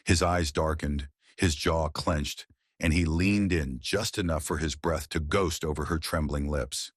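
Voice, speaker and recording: A man narrating a romance story in a measured, dramatic storytelling manner. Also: a bass voice, slightly rough, dry recording, studio quality.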